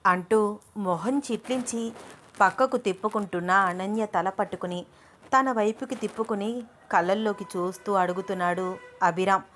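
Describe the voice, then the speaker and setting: Woman storyteller, audio story narration, calm, explanatory, middle-pitched voice. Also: moderate pace, slight background noise.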